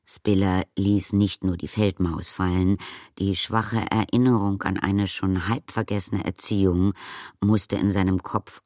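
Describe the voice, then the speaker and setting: Deep-voiced man reading a storybook. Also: no room sound, studio quality. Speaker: audiobook narrator. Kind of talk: scripted storybook narration.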